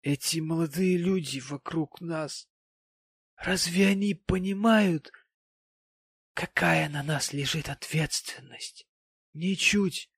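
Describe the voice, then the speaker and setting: A man voicing a tipsy, tearful, sanctimonious widowed gentleman, talking in a maudlin, slurred, pompous way in an audiobook. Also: fairly high pitch, slightly rough, no room sound, voice pushed up, heavily acted.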